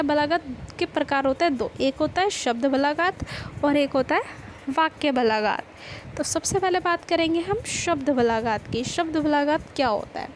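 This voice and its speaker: High-voiced woman teaching a grammar lesson. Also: a little hiss or hum, low-quality recording. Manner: explanatory, repeats questions to students.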